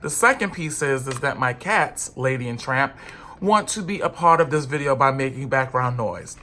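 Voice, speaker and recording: A congested man with a cold reviews foundation as a beauty vlogger, chatting to camera with casual sass. He sounds animated and sharp-toned at medium pitch and normal speed, and there's slight background noise.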